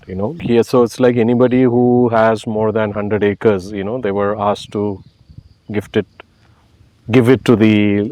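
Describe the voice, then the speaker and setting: This interview guest, a man from Kerala, India, has a fairly low, darkish voice and a Malayali Indian accent. He talks reflectively and conversationally, explaining his views and habitually tagging phrases with "you know."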